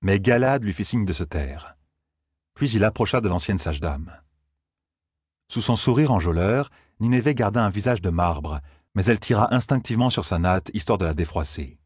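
Very deep, husky male narrator, measured audiobook reading, dry close sound. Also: lively intonation, darkish tone, no echo.

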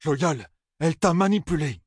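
A man's voice: mid-range voice, moderate pace, darkish tone, husky, no room sound, studio quality, pitched above the performer's own voice, natural voice. A man reading an audiobook voices a stubborn, hot-tempered young man who refuses to back down. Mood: indignant. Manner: indignant, raising his voice.

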